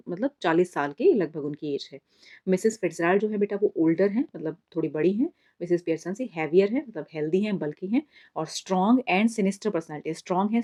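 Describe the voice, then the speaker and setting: A woman's voice: lowish voice, dark tone. A woman teacher giving an exam summary lesson in mixed Hindi and English, patiently explaining and calling her students "beta". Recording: slightly dull lo-fi recording.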